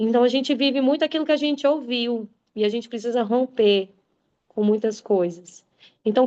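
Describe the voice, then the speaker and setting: A woman with a fairly high, darkish voice gives a motivational talk, driving home each point with emphatic, preacherly conviction as she addresses her listeners directly. The recording is muffled, dull and lo-fi.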